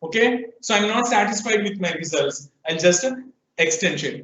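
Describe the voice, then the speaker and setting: High-voiced Telugu-accented male teacher, quizzing students in class, echoey room, mic set far off. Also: expressive, extremely slow, fairly bright tone. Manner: questioning students, prompting answers. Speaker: programming teacher. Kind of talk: classroom lecture mixing Telugu and English. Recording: echoey room, distant, dull lo-fi sound.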